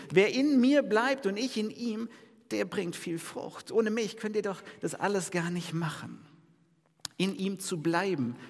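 Guy preaching in a big echoey church, kinda high voice, chatty and lively. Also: gravelly. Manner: lively, conversational preaching with audience questions. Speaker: pastor. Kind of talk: sermon.

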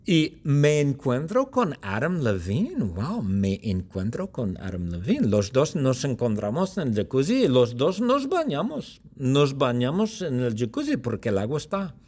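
A man speaking as a suspicious fellow heading to a meeting, in slow, simple, repeated sentences. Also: mid-range voice, big pitch swings, a little mellow, husky. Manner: slow, simple, repetitive storytelling.

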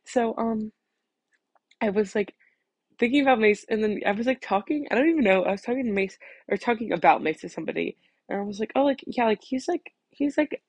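A woman's voice: medium pitch, fast talker, a little mellow, husky, no echo. A teenage American young woman with a slight lisp from wearing retainers, rambling casually and self-consciously on her podcast, giggly and peppering her talk with "like". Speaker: podcast host. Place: in bed at home.

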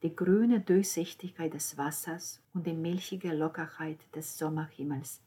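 A woman reading a novel aloud as narrator, lifting her voice for the dialogue and dropping to a hushed tone in the narration. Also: low voice, a little slow, breathy edge. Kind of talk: audiobook narration.

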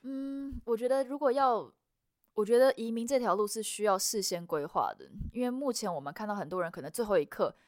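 Fast-talking woman consultant. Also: on the high side, dry recording, studio quality. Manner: mixes English terms into Mandarin. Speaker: immigration consultant. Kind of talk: expert interview answers.

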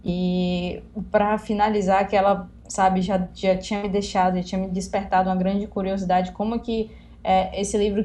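A woman's voice: mid-range voice, dark tone. A woman, earnestly telling her story as an interview guest. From Salvador, Bahia, Brazil. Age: 20s. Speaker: guest, young scientist. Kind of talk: interview answer.

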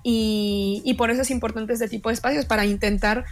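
A woman, a guest expert explaining emotions in calm conversation, measured and pausing to repeat her words. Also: on the high side, soft background music.

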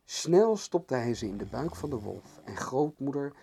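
A man reading a children's fairy tale aloud as narrator, with expressive storytelling. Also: mid-range voice, unhurried, vocal fry, slight background noise.

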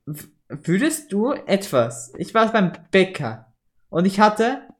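A man's voice: sits high, very animated, slow pace. Laid-back young man, casual chat. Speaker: co-host.

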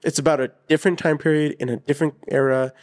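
A man's voice: fairly high pitch, steady tone, quick pace, a little mellow. A man co-hosting a casual movie podcast. He talks in an earnest, rambling way with plenty of "like" and "you know". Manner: earnest, rambling, lots of fillers. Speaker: podcast co-host. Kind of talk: casual chat.

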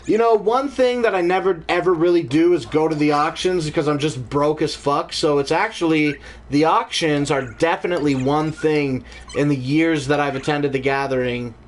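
A young man hosting a casual livestream talk show, relaxed and joking, swearing freely with many fillers. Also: a little high, moderate pace, hardly any pauses. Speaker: show host.

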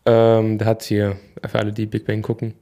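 A man's voice: on the low side, completely flat delivery, normal speed, dark tone. A young man co-hosting a casual podcast, joking and laid-back, often trailing off mid-sentence. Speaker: podcast co-host. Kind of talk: casual chat.

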